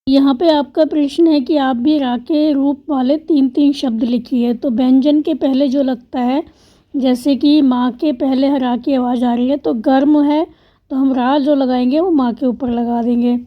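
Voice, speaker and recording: A woman's voice: sits high, fairly even intonation, unhurried. A woman teacher patiently explaining a language exercise step by step, spelling out letters and word parts one at a time. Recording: dull lo-fi sound.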